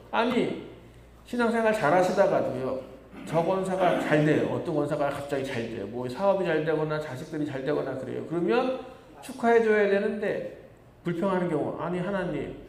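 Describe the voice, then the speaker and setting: A man's voice: on the high side, a little mellow, slight background noise. A male pastor preaching a sermon, telling the story with animation and acting out the complaints of the people in it. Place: church sanctuary. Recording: echoey church hall reverb.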